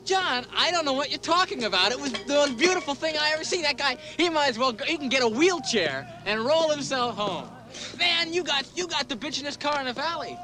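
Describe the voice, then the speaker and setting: A man's voice: extremely high pitch, animated, fairly quick. An actor playing an eager teenage boy in a film, gushing praise to his friend.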